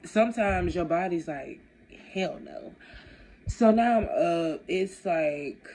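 A woman's voice: on the low side, expressive, slow, a little mellow, a little hiss or hum. A young woman chatting casually to camera in her bedroom, laid-back and slangy, recorded on a phone at arm's length. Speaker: vlogger. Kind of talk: casual chat. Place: bedroom at home.

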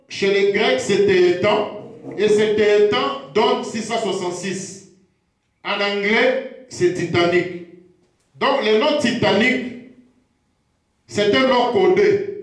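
A man preaching a teaching sermon, slow and repetitive, pausing to check himself as he goes. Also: high voice. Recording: very echoey room.

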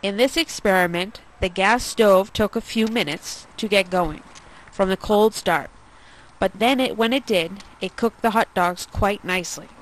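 A woman narrating her home-built gasifier experiments as a scripted voice-over, steady and explanatory. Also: mid-range voice, a little slow, low-quality recording. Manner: steady, explanatory, with small slips. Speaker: channel host narrating.

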